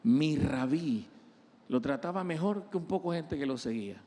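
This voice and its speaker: A man's voice: a little high, lively intonation, fairly quick, mellow, big-room sound. A male pastor preaching an impassioned sermon and acting out the voices of the people he quotes.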